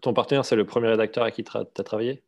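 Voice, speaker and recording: In a casual, conversational interview, a man asks his guest probing questions, stumbling through fillers and restarts. He talks rapid-fire in a steady tone with a voice on the low side, and the audio sounds dull.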